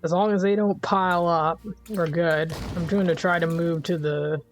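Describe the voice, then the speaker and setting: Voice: mid-range voice, steady tone, moderate pace, faint music behind. A streamer giving casual, jokey commentary while playing a game, easygoing and laughing often.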